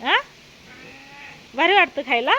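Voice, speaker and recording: A woman's voice: high-pitched, animated, unhurried, sharp tone, dull audio. A woman chatting casually in a home vlog outdoors, coaxing her pets in a sing-song voice. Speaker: vlogger. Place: outdoors at a house doorway, windy and rainy. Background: faint wind and rain.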